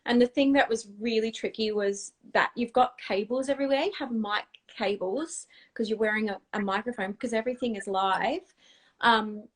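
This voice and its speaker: A woman hosting a casual livestream chat, telling backstage stories with lots of laughter. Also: medium pitch. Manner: warm chatty storytelling with laughter. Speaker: host.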